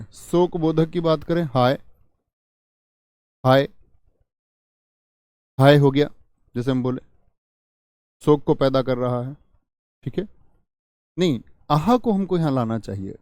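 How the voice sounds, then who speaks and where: A man's voice: mid-range voice, darkish tone, no echo, clean studio sound. A man teaching a Hindi grammar class online, reading viewers' comments and acting out example exclamations. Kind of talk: online exam-prep class.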